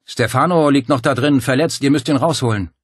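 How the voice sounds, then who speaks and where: A man's voice: medium pitch, fairly quick, slightly rough, no room sound, studio quality, pitched above the performer's own voice, natural voice. A man voicing a tense, protective man who speaks sharply and urgently.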